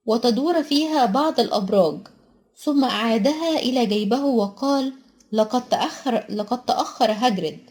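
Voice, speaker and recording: Woman storyteller, fairly high voice, simple clear reading, storybook narration. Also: darkish tone.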